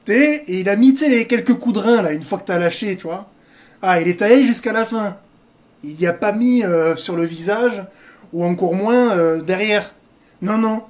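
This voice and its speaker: A man's voice: high voice, normal speed. Crude, joking man hosting a reaction video. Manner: crude joking, laughs often; digressive, drifts between jokes and serious remarks. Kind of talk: casual reaction commentary.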